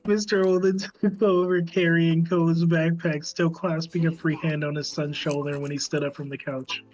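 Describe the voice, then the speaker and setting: A man with a slightly raised voice reads game narration aloud for friends, now and then stumbling and laughing at what comes next. The recording is a bit dull and muffled. Soft game music sits underneath. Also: on the high side, flat delivery, normal speed. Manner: reads narration, breaks off giggling, swears casually. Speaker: streamer reading a visual novel aloud. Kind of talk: casual reading aloud with chat asides.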